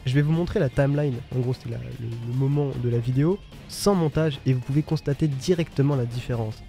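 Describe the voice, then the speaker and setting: A man's voice: medium pitch, gravelly, dark tone, soft background music. A man hosting his own video, explaining his editing to viewers in casual, direct commentary. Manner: fast, direct, addresses viewers as "les gars". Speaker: YouTube host.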